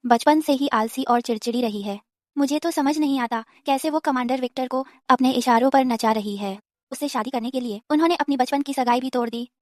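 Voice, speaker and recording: A woman's voice: sits high, a little fast, darkish tone, no room sound, studio quality, lightly acted. A woman voicing a resentful, scheming young wife who envies her sister in a dubbed drama. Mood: spiteful.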